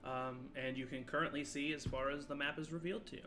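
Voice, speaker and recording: A man's voice: medium pitch, steady tone, background noise. A man speaking through a voice changer, narrating a tabletop game as game master with a hesitant, filler-heavy delivery. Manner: hesitant, many filler pauses.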